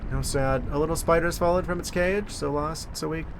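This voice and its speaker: A man voicing a taunting, mock-pitying video game boss in a quietly menacing villain monologue. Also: a little high, fairly even intonation, fairly quick, gravelly, noisy background. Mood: mock pity, menace. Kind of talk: reading game dialogue aloud in character.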